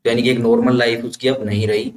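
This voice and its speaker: A male vocabulary teacher with a medium, fairly flat voice talks fast as he explains words using mnemonics. He walks through each step and often adds "ठीक है" to make sure he's understood, in an echoey room with faint ambient noise.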